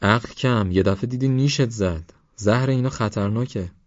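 A man's voice: mid-range voice, no room sound, voice pushed up, lightly acted. A man voicing a cautious young man who scolds a reckless friend, in a dull, dry recording. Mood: alarmed. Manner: alarmed, scolding.

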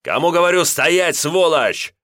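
A stern plainclothes policeman, voiced by a male narrator, speaks in short, clipped commands. His voice sits low and hard. The recording is dry and close. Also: normal speed, fairly bright tone, no echo. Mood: barking orders. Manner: curt, stern.

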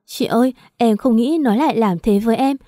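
A woman's voice: on the high side, a little fast, warm tone, no echo, clean studio sound, natural voice. A woman voicing a frightened young woman from the countryside in an audio story, speaking tearfully and pleadingly.

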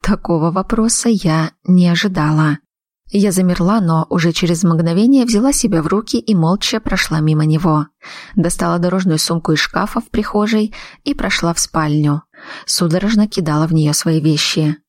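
Low-voiced woman reading an audiobook. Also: moderate pace, darkish tone, dry recording, clean studio sound. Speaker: audiobook reader. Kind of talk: first-person audiobook narration.

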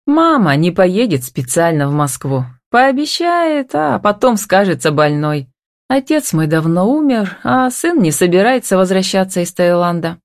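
Woman reading as a lively young heroine in love. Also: lowish voice, normal speed, no echo, clean studio sound, voice pushed up.

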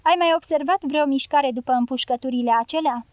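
A woman's voice: sits high, darkish tone, dry recording, highs cut off, close to an everyday voice. A woman reading an impatient army officer. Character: impatient male commanding officer.

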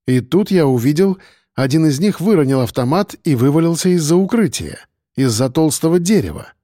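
A man narrating an audiobook in the first person in a steady, tense storytelling manner. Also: fairly high pitch, a little fast, dry recording, clean studio sound.

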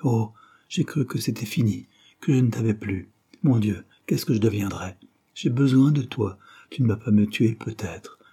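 A man's voice: fairly low pitch, normal speed, warm tone, breathy edge. A man reading a novel aloud, voicing a passionate young woman who pleads urgently with her lover. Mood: pleading passionately. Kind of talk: audiobook character reading.

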